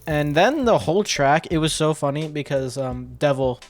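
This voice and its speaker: A video editor breaks down his sound design work in casual, step-by-step commentary, using a fairly high, expressive voice at normal speed. Music tracks and sound effects are demonstrated in the background.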